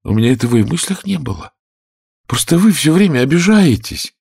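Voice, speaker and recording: A man's voice: on the high side, sing-song, fairly quick, vocal fry, darkish tone, breathy edge, no echo, clean studio sound, voice pushed up, heavily acted. A man voicing a polite, curious young girl in a storybook reading, speaking eagerly in a raised voice. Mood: pleading. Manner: polite, eager, rising questions.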